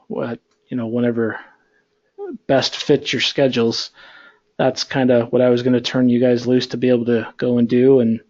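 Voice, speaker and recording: A male instructor lectures an online class through a computer mic on a video call, rambling in a relaxed way with lots of fillers. His voice is medium-pitched and the recording sounds muffled.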